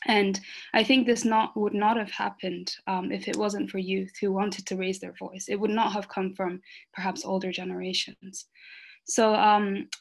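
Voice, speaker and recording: A woman who grew up in Rwanda, speaking earnestly on an online panel, with many fillers and pauses. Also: mid-range voice, vocal fry.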